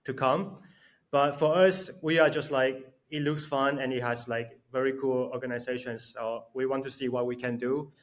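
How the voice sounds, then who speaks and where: A man's voice: mid-range voice, fairly even intonation, moderate pace. A man from Taiwan, explaining earnestly and in a friendly way as a guest. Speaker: junior developer guest. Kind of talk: casual interview.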